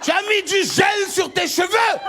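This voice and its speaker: A man voicing a fiery male preacher who shouts and scolds his congregation. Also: very high voice, unhurried, vocal fry, loud music behind the voice, over a noisy crowd, pitched above the performer's own voice, exaggerated voice. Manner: shouting, hectoring sermon.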